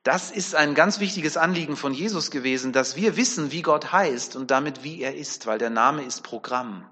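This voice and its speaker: A man's voice: fairly high pitch, moderate pace, pushed and bright, husky, in a large hall. A man preaching a sermon in a conversational way, often checking in with the congregation through tag questions.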